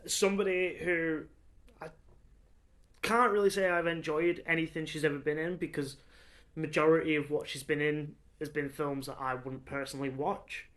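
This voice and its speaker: A man's voice: fairly high pitch, flat delivery, moderate pace, fairly bright tone. A young man co-hosting a podcast, chatting casually and enthusiastically, rambling with lots of fillers. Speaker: podcast co-host. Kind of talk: casual chat.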